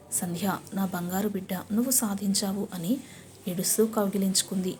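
A woman reading a scripted story aloud with steady, expressive delivery. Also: mid-range voice.

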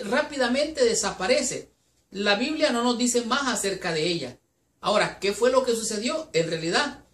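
Woman, Bible lesson teacher, slightly high voice, earnest and unhurried, echoey room. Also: a bit bright. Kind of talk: Sabbath school Bible lesson.

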